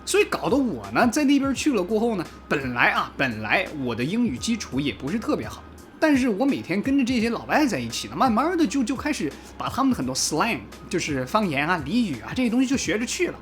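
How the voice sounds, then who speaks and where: A chatty man from China talks through a casual car review vlog at a brisk pace. His voice bounces around a lot in pitch, and it jumps up whenever he imitates someone else's remark. Faint music plays softly underneath. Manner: animated, fast and chatty, mimics commenters in a raised voice, casual swearing.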